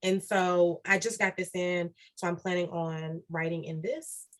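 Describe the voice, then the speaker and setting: A woman's voice: lowish voice, fairly even intonation, a little slow. A woman guest on a podcast interview, talking earnestly and repeating key phrases for emphasis. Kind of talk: reflective podcast interview talk.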